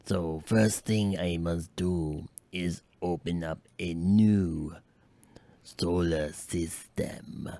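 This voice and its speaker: A man co-hosting a game stream puts on a slow, low, drawn-out demonic voice. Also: steady tone, warm tone, no room sound, exaggerated voice. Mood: menacing. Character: slow, menacing male demon.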